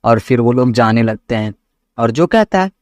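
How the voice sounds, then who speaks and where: Male recap narrator, mid-pitched, steady storytelling, dry close recording. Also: normal speed, no room sound. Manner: plain storytelling, reads out characters' lines with a raised voice. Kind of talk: retelling an anime episode.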